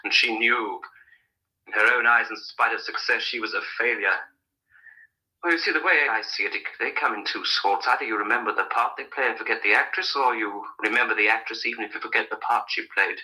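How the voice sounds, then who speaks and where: In a radio murder mystery, a male actor voices an evasive, anguished husband on the run, speaking in emphatic, hesitant bursts with a confiding, regretful mood. His lowish voice is brisk, pushed and bright, and the audio is poor.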